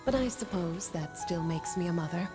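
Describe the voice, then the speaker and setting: A woman's voice: lowish voice, expressive, normal speed, over music, lightly acted. An actress playing a weary, wry mage mother in a video game. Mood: wistful.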